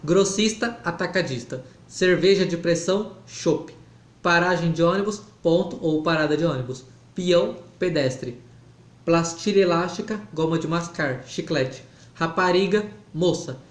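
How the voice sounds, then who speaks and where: Man, careful halting read-aloud, raised pitch, roomy echo. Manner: slow, halting reading with restarts. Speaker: reader of an academic text. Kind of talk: slow read-aloud of an academic text. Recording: echoey room.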